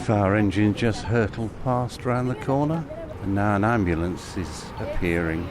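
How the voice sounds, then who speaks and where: A British man giving a measured, observational, unscripted travel commentary as he records on location, pausing between phrases. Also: lowish voice. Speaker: narrator of an audio travel journal. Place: outdoors on city streets and at a station. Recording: outdoor city noise, traffic.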